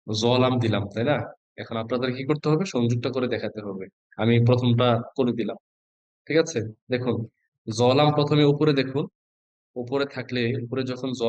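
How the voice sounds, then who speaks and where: A man's voice: medium pitch, dry recording. A male Quran reading teacher giving an online class, patiently naming letters one by one and quizzing his students. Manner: patient, asks students questions and spells out letters.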